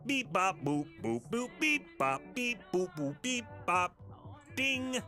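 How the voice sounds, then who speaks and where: A man's voice: very high-pitched, sing-song, slow pace, pushed and bright, soft background music, voice pushed up, full character voice. A man putting on a robot voice as a beeping randomizer machine, with chirpy sing-song beeps. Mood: playful. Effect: robot voice, made by mouth. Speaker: co-host. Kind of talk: playful bit on a gaming morning show.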